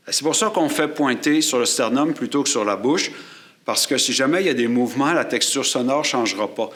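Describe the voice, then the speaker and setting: A man gives a hands-on lesson about microphones. He talks in a mid-pitched voice, from a studio table, picked up by a shotgun mic on a boom aimed at his chest. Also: a bit bright. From Quebec. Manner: explanatory, demonstrating gear while talking. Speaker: photography and sound instructor. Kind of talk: classroom demonstration. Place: studio table set up for filming. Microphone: shotgun mic on a boom above, aimed at his chest.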